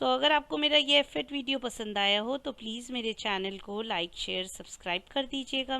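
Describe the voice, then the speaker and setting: Slow, gravelly-voiced woman teacher. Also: a little high, sharp tone, dry recording. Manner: repeats each word and sentence slowly and clearly. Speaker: English teacher. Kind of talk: vocabulary lesson.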